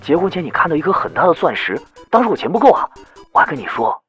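A woman voicing a sly, smug husband in a comedy sketch, with a husky put-on voice and rapid teasing delivery. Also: low voice, sing-song, fairly bright tone, soft background music, pitched below the performer's own voice, exaggerated voice.

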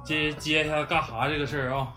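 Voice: medium pitch, fairly even intonation, fast, over music. A person with a Northeastern Chinese accent, chatting and joking casually in slangy dialect. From Northeast China.

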